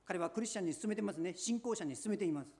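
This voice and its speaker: A woman preaching a sermon in short, earnest phrases, pausing for an interpreter. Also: medium pitch, animated, dark tone.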